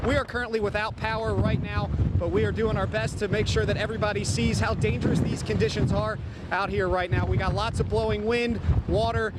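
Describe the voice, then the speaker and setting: A man's voice: high voice, little pitch movement, brisk. A man reporting live and urgently from outdoors in a hurricane, speaking emphatically as he braces against the wind. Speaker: TV reporter, sports anchor in the field. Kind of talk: live storm report, unscripted. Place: outdoors in a hurricane on a coastal town street. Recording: loud wind roar on the microphone. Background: strong wind and rain.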